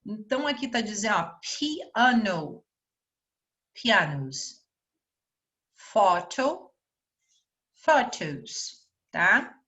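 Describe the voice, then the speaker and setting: A Brazilian woman with a bright, forward voice teaches an online English grammar lesson at a slow, patient pace. She talks with a Brazilian Portuguese accent, repeats each example word and keeps checking in with "né?". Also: mid-range voice, very animated. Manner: explains slowly, repeats words and asks "né?".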